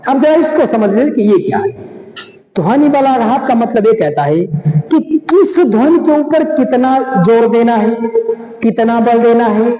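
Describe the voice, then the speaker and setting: Slow, echoey man teaching a class. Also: extremely high pitch, animated, mellow. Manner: slow, repeats key terms and stretches single words. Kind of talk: classroom lecture. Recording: echoey room, roomy reverb.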